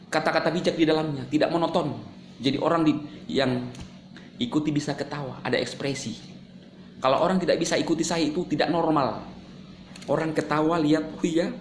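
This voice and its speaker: Animated sarcastic man in an echoey room. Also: a little high, a little hiss or hum. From Indonesia. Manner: animated, sarcastic, jumps between shouting and mumbling. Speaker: video creator answering critics. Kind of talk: casual monologue to camera.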